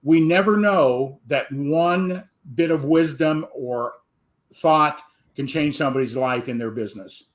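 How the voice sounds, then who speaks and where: A man's voice: on the high side, measured pace. A man hosting a live online show, introducing his guest in a loose, rambling way. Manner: rambling, many fillers and restarts. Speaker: host.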